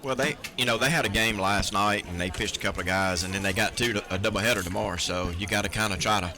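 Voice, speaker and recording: A man giving relaxed, folksy color commentary on a baseball game at an outdoor ballpark. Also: lowish voice. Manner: relaxed, folksy, drawn-out explanations. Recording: crowd noise from an outdoor ballgame.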